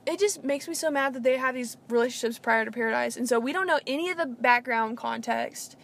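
A woman's voice: fairly high pitch, a little fast, creaky, fairly bright tone, slight background noise. A young woman co-hosting a casual pop-culture podcast, rambling with lots of filler words. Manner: rambling, filler-heavy with frequent "like". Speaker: podcast co-host.

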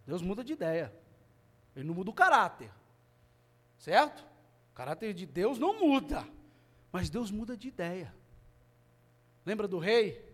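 A man with a Brazilian Portuguese accent preaching a sermon and sharing a personal testimony, his delivery swinging between hushed and fervent. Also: high-pitched, very animated, measured pace, long pauses. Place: family church service.

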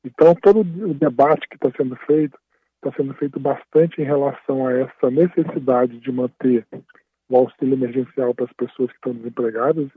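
A man speaking by phone as a radio interview guest, explaining at a steady pace and often tagging his phrases with a questioning "right?". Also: mid-range voice, fairly quick, slightly rough, no room sound. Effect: heard over a phone line. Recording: tinny dry phone line.

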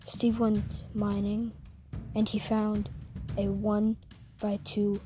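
A woman narrates a homemade short story at an unhurried, plodding pace, stopping often to say um. Music plays clearly underneath her voice. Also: mid-range voice, completely flat delivery. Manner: hesitant, many ums. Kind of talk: casual storytelling.

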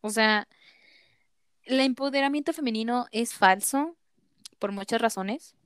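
A young woman with a Mexican accent chatting casually, animated and exasperated, cursing and laughing often. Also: on the high side, unhurried, smooth, no room sound, studio quality. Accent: Mexican Spanish. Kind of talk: casual chat.

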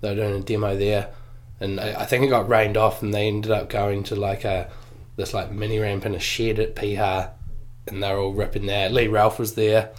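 A man in his forties with a New Zealand accent, a guest in a casual interview, talking in a relaxed, slangy way with lots of fillers. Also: lowish voice, normal speed. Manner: laid-back slangy, many fillers and swearing. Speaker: guest snowboarder.

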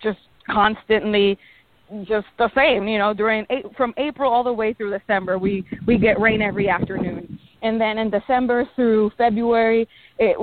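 A woman's voice: mid-range voice, no room sound. A woman in her thirties from Panama with a Panamanian Spanish accent and Spanish as her first language. She is a meteorologist talking in a radio interview, friendly and chatty, with fillers and small laughs. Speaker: guest meteorologist. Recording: dry, tinny phone line.

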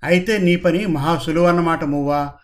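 A man's voice: a little high, steady tone, moderate pace, lightly acted. A man voicing an arrogant, scheming rich boss who gives orders in a bossy manner. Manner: commanding, bossy.

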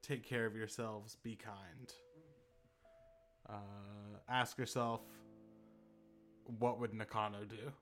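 A man who plays in a role-play podcast, giving earnest, halting closing thanks. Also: lowish voice, level tone, faint music behind. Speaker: podcast player. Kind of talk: heartfelt closing remarks.

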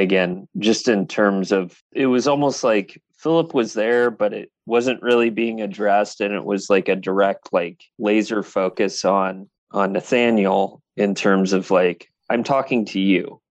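Man, podcast panelist, low voice, dry close sound, thinking aloud. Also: fairly even intonation, a little slow, few pauses, no echo. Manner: thoughtful, searches for words with "like" and "in terms of". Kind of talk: casual roundtable discussion.

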